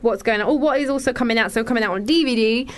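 A woman's voice: fairly high pitch, rapid-fire. A woman presenter chatting casually and candidly, as in an entertainment talk show. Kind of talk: casual chat.

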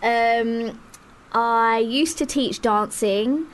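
A woman's voice: fairly high pitch, extremely slow. A woman guest in a casual chat, giggly and playfully teasing. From Philippines.

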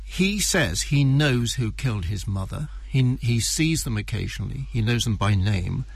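A man giving analyst commentary in an interview, setting out his points deliberately, one by one. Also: medium pitch, expressive, gravelly, slightly rough, dry recording. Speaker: defence analyst.

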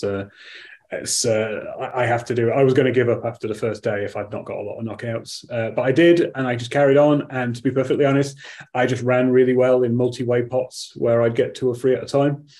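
Man chatting casually, middling pitch, dry humour. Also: a little mellow. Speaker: podcast guest, poker author. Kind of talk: casual chat.

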